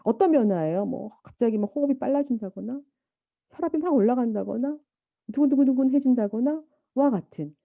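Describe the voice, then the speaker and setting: A woman giving a lecture, lively and animated, now and then imitating baby babble and a mother's talk. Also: high voice, a little fast, vocal fry, no room sound, phone-quality sound. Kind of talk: university lecture.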